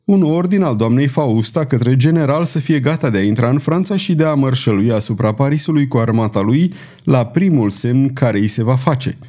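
A man voicing a calm, ironic male knight in an audiobook. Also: mid-range voice, close to an everyday voice. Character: cool, witty male swordsman knight. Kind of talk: audiobook character voice.

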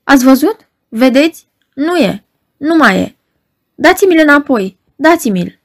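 A woman's voice: high voice, very animated. A woman voicing a young secretary who is sobbing, frantic and slightly nasal from crying.

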